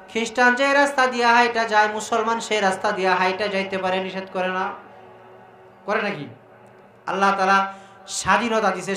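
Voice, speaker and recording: A man's voice: sits high, sharp tone. A male preacher with a Mymensingh Bengali accent giving a waz sermon, asking the crowd rhetorical questions. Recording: echoey hall with music.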